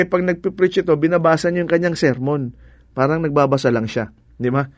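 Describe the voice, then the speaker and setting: A man's voice: on the high side, no room sound, studio quality. A man with a Filipino accent preaching a sermon in a conversational way, slipping English into his talk and asking rhetorical questions.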